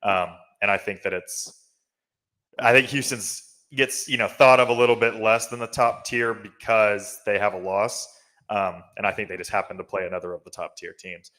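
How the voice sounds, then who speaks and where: Man, lowish voice, chatty sports talk, thinks aloud with fillers and restarts. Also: fairly even intonation, normal speed, sharp tone. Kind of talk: casual sports analysis.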